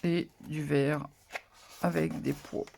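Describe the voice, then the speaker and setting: A papercraft channel host chatting casually through a haul of paper pads, relaxed and hesitant. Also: mid-range voice, slow, gravelly, a little hiss or hum. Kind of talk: casual haul show-and-tell.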